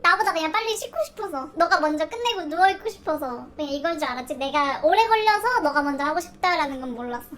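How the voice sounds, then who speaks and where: A woman's voice: sits high, expressive, fast talker, few pauses, a bit bright. A young woman chatting casually and teasingly with her partner, laughing often. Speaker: vlogger in a couple. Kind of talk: casual chat.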